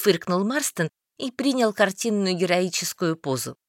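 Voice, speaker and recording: A woman reading first-person fiction aloud in a wry, expressive manner. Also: medium pitch, moderate pace, no room sound, studio quality. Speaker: audiobook narrator.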